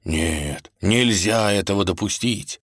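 Sensible talking wolf, low and dry-witted, read by a man in his own voice. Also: slow pace, dry recording. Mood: exasperated. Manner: dry and exasperated.

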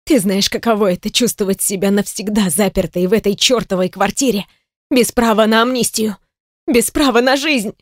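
A woman voicing a desperate older sister who cannot walk, pleading in a shrill, hoarse voice in an audiobook. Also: moderate pace, no echo, clean studio sound, close to an everyday voice. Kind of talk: audiobook character voice.

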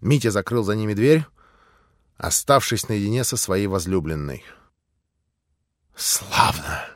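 A man reading a classic novel aloud as an audiobook narrator, in an expressive, theatrical manner. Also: lowish voice, normal speed, dry recording, clean studio sound.

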